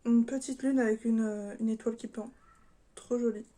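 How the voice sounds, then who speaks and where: A woman's voice: a little high, steady tone, moderate pace, mellow. A French woman chatting casually in an unboxing vlog, hesitant and full of fillers, apologizing now and then. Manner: chatty, hesitant with many fillers, self-deprecating. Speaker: vlogger.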